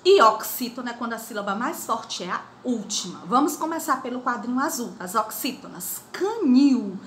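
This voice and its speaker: Animated teacher woman, roomy sound. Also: a little high, a little hiss or hum. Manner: animated, stretches words slowly and repeats rules for children. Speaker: primary school teacher. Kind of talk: recorded video lesson.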